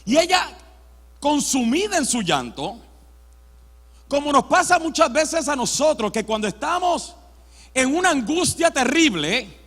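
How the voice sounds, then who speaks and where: A man, a pastor preaching a sermon with dramatic, animated storytelling. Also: very high voice, unhurried. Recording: long church-hall reverb.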